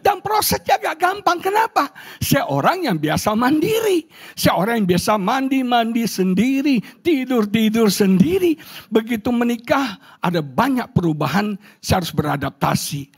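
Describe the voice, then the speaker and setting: Middle-aged pastor guy preaching, high voice that swings all over, kinda husky, jokey and loud. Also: big pitch swings, moderate pace. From Indonesia. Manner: humorous, exclamatory preaching to the congregation. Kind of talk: sermon. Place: church hall.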